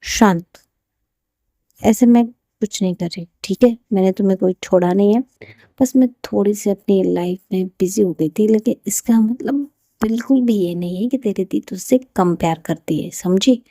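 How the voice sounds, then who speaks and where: A woman's voice: medium pitch, normal speed, dark tone, no room sound, clean studio sound, close to an everyday voice. A woman doing a soothing older sister. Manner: soothing, reassuring. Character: calm caring older sister, young woman. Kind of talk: storybook character voice.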